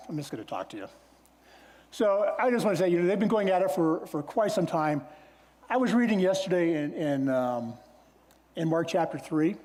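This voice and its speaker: A man preaching a sermon as pastor, in a relaxed, conversational storytelling way. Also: sits high. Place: church sanctuary. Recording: long church hall reverb.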